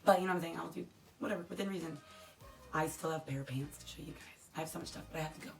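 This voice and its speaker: A woman's voice: low voice, racing, vocal fry, soft background music. A woman with a crackly, dry voice, chatting casually and rambling as she unboxes products for her vlog. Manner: chatty, rambling, self-deprecating. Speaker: unboxing vlogger. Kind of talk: casual unboxing chat to camera.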